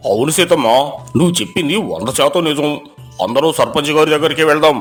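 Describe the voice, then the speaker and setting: A man voicing an angry farmer accusing his neighbour in a storybook tale, in a loud, raised voice. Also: fairly high pitch, expressive, quick pace, soft background music, close to an everyday voice. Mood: indignant. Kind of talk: storybook voice acting.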